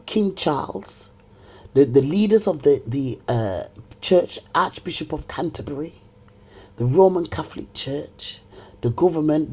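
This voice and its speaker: With a deep, mellow and somewhat rough voice, a middle-aged woman rants to camera at a person who is absent. The monologue is confrontational and full of repetition as she scolds.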